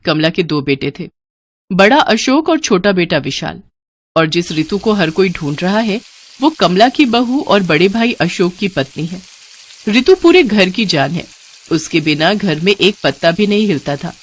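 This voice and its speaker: A woman reading scripted narration for a cartoon moral story in a clear, expressive storyteller manner. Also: fairly low pitch, a little slow. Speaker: narrator and voice of female figures.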